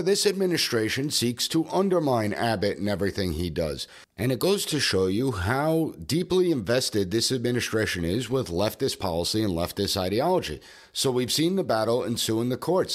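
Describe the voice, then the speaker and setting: Emphatic man hosting political commentary. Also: medium pitch. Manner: emphatic, argumentative, mocking at times. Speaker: podcast host.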